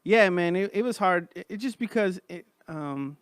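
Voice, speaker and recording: A man's voice: sits high, lively intonation, moderate pace, no echo, clean studio sound. A man hosting a podcast in a casual, informal chat, talking like he's among his bros. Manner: informal, says man and bro often. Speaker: podcast host.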